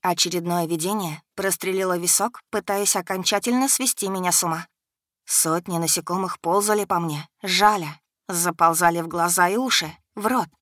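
A woman's voice: on the low side, normal speed, a bit bright, no room sound, clean studio sound. A woman reading a first-person audiobook in a dramatic, tense storytelling manner. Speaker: audiobook reader.

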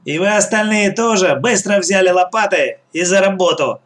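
A man voicing a harsh, bossy old female bandit leader who barks commands in a shrill voice. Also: lively intonation, moderate pace, fairly bright tone. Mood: scornful.

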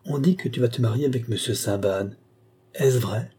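A man's voice: medium pitch, moderate pace, dark tone, breathy edge, lightly acted. A man voicing a lovesick, earnest young boy in a storybook reading. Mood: pleading.

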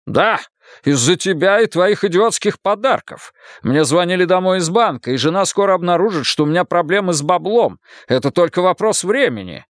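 A man's voice: high voice, lively intonation, moderate pace, no echo, clean studio sound, voice pushed up. A male reader voicing an irritable, debt-ridden middle-aged man who snaps and then turns guarded. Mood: irritated. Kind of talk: audiobook character voice.

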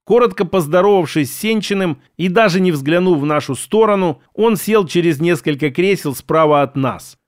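A man narrating an audiobook in an even storytelling manner on a close microphone. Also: high-pitched, moderate pace, few pauses, no room sound.

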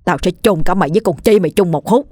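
A furious older brothel boss snarls his threats in a harsh, strained voice, as a woman narrator puts him on. The storyteller's delivery stays low and close, recorded dry with faint music underneath. It sounds like an audio horror tale. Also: racing, darkish tone, no echo, lightly acted. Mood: menacing.

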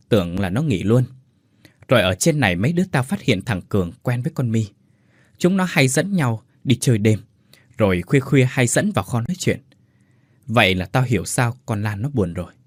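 A man's voice: medium pitch, dry recording, studio quality. A man voicing a blunt female factory worker who tells a sad tale and chokes up. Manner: bossy, scolding, then choked up.

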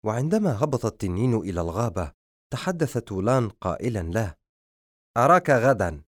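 A man's voice: lowish voice, sing-song, fast, darkish tone, no room sound, studio quality. A man narrating a fantasy novel as an audiobook, telling the story expressively.

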